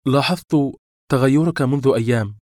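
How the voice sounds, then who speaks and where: A distressed young woman, as a male audiobook reader puts her on, fires off pointed questions, her voice raised higher and louder than the narration around her. The sound is dry and close, with no room around it. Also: expressive, fast, dry recording, natural voice. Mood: sharp, hurt. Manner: sharp, urgent questioning.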